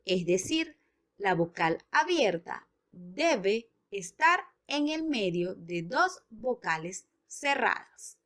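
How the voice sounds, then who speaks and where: A woman teaching a grammar lesson, explaining slowly and deliberately and spelling out examples one by one. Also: mid-range voice, sing-song, fairly bright tone. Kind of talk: educational lesson narration.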